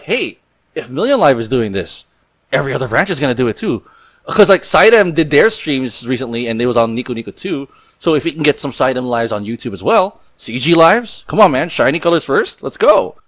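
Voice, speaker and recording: Podcast host, male, mid-pitched, casual and rambling, full of fillers and restarts. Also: sing-song, fairly quick. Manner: rambling, loose delivery with many fillers and restarts.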